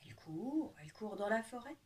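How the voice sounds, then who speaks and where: Expressive woman reading a storybook. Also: fairly high pitch, brisk. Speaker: children's book reader. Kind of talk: storybook read-aloud.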